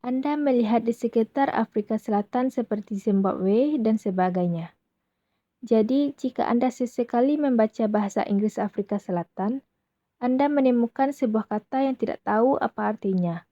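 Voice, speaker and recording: A woman reads a translated voice-over steadily in a somewhat high voice. The recording sounds dry and dull, with no room around it. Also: moderate pace, dark tone, no echo. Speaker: voice-over interpreter.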